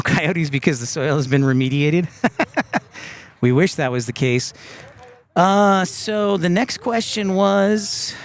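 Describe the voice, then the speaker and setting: A man hosting a live stream outdoors, chatting casually and reading viewer comments aloud. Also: on the high side. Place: outdoors by an airport.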